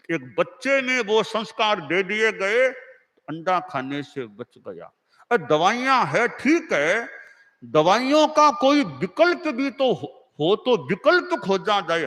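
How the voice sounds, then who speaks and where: A male monk preaches, telling a story with animation and switching into the voices of his characters. His voice is high for a man, and it rolls out in a large hall with a long reverb tail. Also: a bit bright. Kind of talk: sermon with storytelling.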